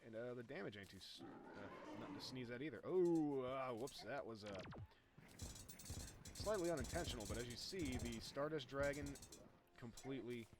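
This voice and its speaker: A man's voice: medium pitch, moderate pace. Rambling, jokey man narrating gameplay. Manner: rambling, jokey, excitable at big hits. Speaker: gaming YouTuber. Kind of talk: casual gameplay commentary.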